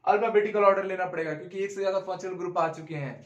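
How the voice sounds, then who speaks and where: A man's voice: high-pitched, fairly even intonation, very fast, reverberant, distant mic, lo-fi sound. A man teaching a chemistry lesson in Hindi with terms, explaining step by step and often addressing "dear students.". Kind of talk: classroom lecture at a board.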